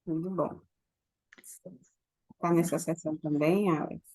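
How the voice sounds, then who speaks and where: A woman preparing an online conference session, asking a colleague practical questions in a soft, casual tone over a video call. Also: low-pitched, steady tone, unhurried, no echo, low-quality recording. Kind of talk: casual online meeting chat.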